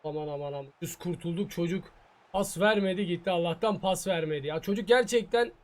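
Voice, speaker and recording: A man's voice: high-pitched, a little fast. A gaming YouTuber reacting to his own soccer video game match, muttering in frustration and taunting his opponent. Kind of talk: live gameplay commentary.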